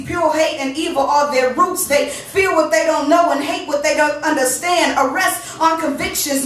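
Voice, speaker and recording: Her voice sits high as she performs as the featured poet at a small living-room poetry event, her delivery rhythmic and emphatic, with easygoing conversational asides between poems. She was recorded from a distance in a very echoey room, and a faint hum is audible.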